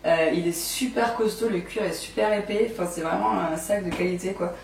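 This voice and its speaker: Hoarse young woman chatting in an echoey room. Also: on the low side, fairly quick, a little mellow, far from the mic, a little hiss or hum. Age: 20s. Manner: chatty, rambling with many fillers and restarts. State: hoarse, recovering from laryngitis. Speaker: beauty and lifestyle vlogger. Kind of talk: casual chat. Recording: echoey room, mic set back.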